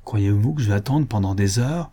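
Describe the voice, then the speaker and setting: A man reading the part of a proud, sharp-tongued young woman in an audiobook, curt and imperious. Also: on the low side, brisk, close to an everyday voice.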